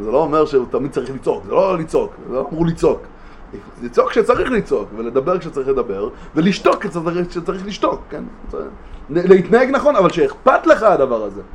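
A man giving a religious study lesson, animated, with emphatic rhetorical questions and frequent restarts. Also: sits high, a little hiss or hum. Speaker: Torah teacher.

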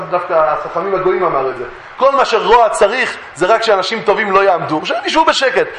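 A man giving a Torah lesson, telling stories lively and acting out the voices he quotes. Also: sits high, a little hiss or hum. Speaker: Torah teacher. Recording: echoey room.

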